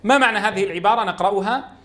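Guy teaching quran recitation, kinda high voice, keeps repeating the sounds slow and punchy so ppl copy him. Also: bright, forceful tone. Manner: drills letter sounds slowly, stressing and repeating them. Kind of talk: tajweed lesson with drills.

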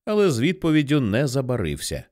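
A man narrating an audiobook in an expressive storytelling manner. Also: mid-range voice, fast. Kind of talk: scripted narration.

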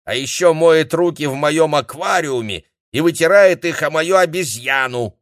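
A man voicing a cranky, sharp-tongued old grandmother who complains scornfully in a raised voice. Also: a little high, normal speed, no echo, clean studio sound, voice pushed up, natural voice.

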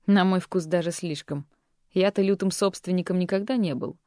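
A woman voicing a calm, condescending man who was once the heroine's lover and teacher, speaking softly and patronizingly. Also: fairly low pitch, normal speed, no echo, studio quality, lightly acted. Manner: soft-spoken, patronizing.

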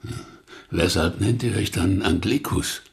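A man playing an ailing, irritable old pope with gout, in a radio play. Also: low voice. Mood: probing. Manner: slow, gravelly, grumbling.

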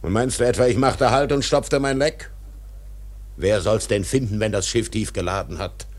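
An actor in a radio drama playing an obsessed, tyrannical older whaling captain, declaiming grandly in a gravelly, husky voice. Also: male voice, on the low side, moderate pace, close to an everyday voice. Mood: furious, scornful. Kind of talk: literary radio drama acting.

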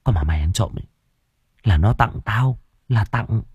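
A man's voice: lowish voice, expressive, moderate pace, breathy edge, no room sound, highs cut off. A man reading the lines of a brash, blunt young woman in an audiobook. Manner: loud, blunt, crude talk.

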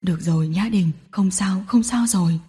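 A woman's voice: brisk, husky. Soothing young man, as a woman reader puts him on. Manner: soft, soothing, low-voiced. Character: gentle soothing young man, patient boyfriend.

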